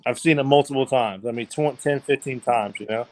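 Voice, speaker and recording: A man's voice: medium pitch, brisk, a little mellow, no echo. A man hosting a livestream, chatting casually about fishing in a rambling, laid-back way full of fillers. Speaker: livestream host.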